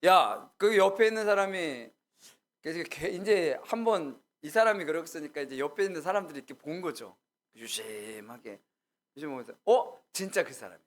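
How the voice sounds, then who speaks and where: A man's voice: on the high side, animated, a little fast, a bit bright. Casual storytelling male pastor. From Gyeongsang region. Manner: casual storytelling, asks the congregation questions and acts out quotes. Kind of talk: conversational sermon.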